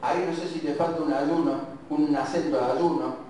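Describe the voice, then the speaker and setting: A man's voice: fairly high pitch, fairly even intonation, dark tone. A man with an Argentine accent preaching and reading scripture, musing aloud and correcting himself. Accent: Argentine Spanish. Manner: slow, reflective, muses aloud and self-corrects. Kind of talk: sermon with Bible reading. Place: church hall. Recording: very echoey church, distant mic, faint hiss.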